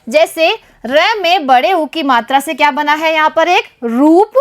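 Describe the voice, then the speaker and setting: A woman's voice: high voice, lively intonation. A woman teaching a primary school Hindi lesson, speaking to young pupils and stressing each syllable with care. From Rajasthan, India. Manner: addresses pupils repeatedly, stresses syllables slowly and deliberately. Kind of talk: classroom lesson for young children.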